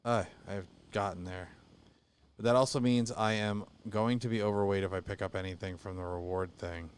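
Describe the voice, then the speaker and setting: A man streaming a game, chatting in a relaxed, musing way. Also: lowish voice, moderate pace, clean tone. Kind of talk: casual gaming chat.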